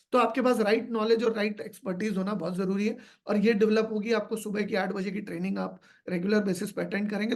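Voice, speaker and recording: A man giving a sales training talk, explaining points by repeating phrases and asking rhetorical questions. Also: sits high. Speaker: business trainer.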